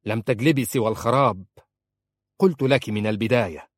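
A man reading an audiobook, voicing a cold, domineering young man who shouts threats. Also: lowish voice, fairly quick, no echo, close to an everyday voice. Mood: harsh anger.

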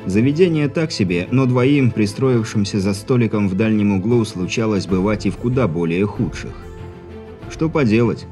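Male audiobook narrator, low voice, wry and even, faint music bed. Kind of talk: scripted narration.

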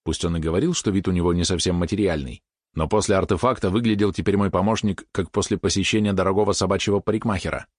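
A man reading first-person narration of an audiobook in an even, matter-of-fact way. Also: sits low, fast talker, no echo, clean studio sound.

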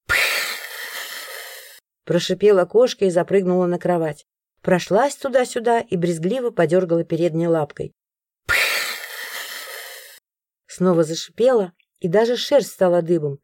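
A woman narrating a first-person audiobook in an expressive storytelling manner. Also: mid-range voice, no echo, clean studio sound.

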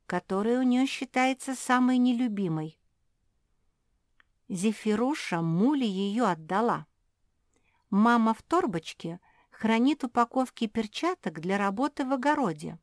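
A woman's voice: on the high side, animated, measured pace, pauses often, no room sound, studio quality, voice pushed up. A woman reading aloud and voicing a thoughtful, reasoning pug sister. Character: thoughtful sensible eldest female pug.

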